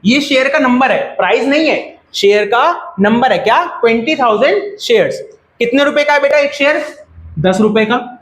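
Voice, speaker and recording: A man's voice: very high-pitched, normal speed, fairly bright tone. A man with an Indian accent teaching a classroom lecture, asking the class questions and repeating their answers. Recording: echoey classroom.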